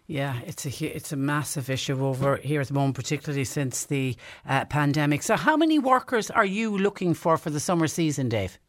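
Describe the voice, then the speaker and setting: A man with a southern Irish accent and a bit of Cork in it speaks in a high register. He sounds close and dry, putting questions and chatting as a radio interviewer. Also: animated, a little fast, hardly any pauses, no room sound. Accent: southern Irish, with some Cork. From Clonmel, County Tipperary, Ireland. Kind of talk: conversational interview.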